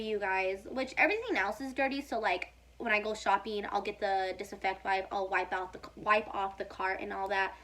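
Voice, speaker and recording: A woman's voice: a little high, a bit bright, rough recording. Chatty young woman vlogging. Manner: chatty, emotional, says "like" a lot. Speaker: YouTuber. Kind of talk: casual mukbang Q&A chat. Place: home, indoors.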